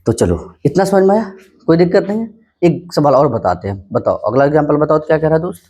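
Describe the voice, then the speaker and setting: A man teaches school maths in an easygoing classroom style, taking his time over each step. He keeps putting questions to the class and then answering them himself. His voice sits a little high for a man. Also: slightly rough. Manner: calm, unhurried, asks and answers his own questions. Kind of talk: casual classroom maths lesson.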